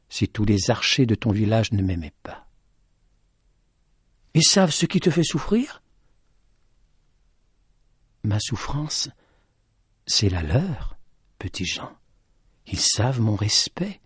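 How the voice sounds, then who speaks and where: A man voicing a wise older woman of the mountain in a storybook, speaking softly and slowly, often hushed. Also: fairly low pitch, slightly rough, no room sound, clean studio sound, heavily acted. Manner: soft, slow, often hushed.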